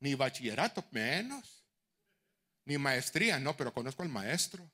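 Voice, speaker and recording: Animated, bright-voiced man preaching a sermon. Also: mid-range voice, moderate pace, breathy edge. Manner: animated, swings from near-whispers to shouted exhortation; mixes in English phrases. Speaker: bishop and preacher.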